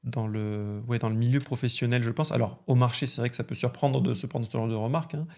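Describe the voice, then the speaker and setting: A man's voice: mid-range voice, steady tone, fast talker, a little mellow. A man from southeastern France hosting a podcast, talking in a casual, enthusiastic way with reflective asides. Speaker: podcast host. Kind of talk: casual conversational interview.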